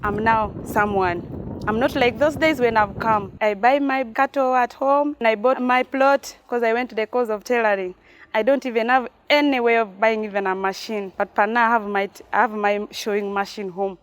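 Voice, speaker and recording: A woman's voice: a little high, fairly even intonation, moderate pace. A woman, a factory worker, speaking simply and from the heart in a documentary interview.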